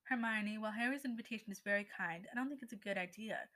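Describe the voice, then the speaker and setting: A woman voicing a blunt young man who mumbles gruffly, sometimes half-whispered, while reading a story aloud. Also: mid-range voice, fast talker, bright, forceful tone, natural voice. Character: Ron Weasley, blunt hungry young man.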